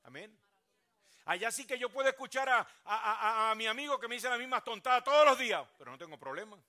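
A high, bright voice belongs to an older male preacher who delivers his sermon in a lively, theatrical way. He slips in and out of acted voices of churchgoers and swings between loud bursts and soft asides. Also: quick pace. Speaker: pastor.

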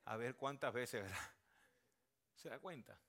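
A man preaching a sermon as pastor, swinging from hushed, almost whispered lines to loud, shouted climaxes and repeating key phrases for emphasis. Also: mid-range voice, unhurried.

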